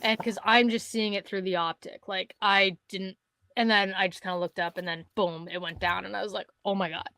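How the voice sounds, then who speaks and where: A Canadian woman co-hosting a podcast tells a hunting story in casual chat, animated and swearing as she acts out what other people said. Her medium-pitched voice moves fairly quickly with vocal fry, and there's no echo.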